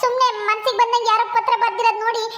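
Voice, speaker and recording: A woman's voice: very high voice, flat delivery, racing, bright, forceful tone. Woman playing a tearful young wife begging. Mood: pleading. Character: pleading young wife, wrongly accused. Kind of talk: village family drama acting. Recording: echoey room.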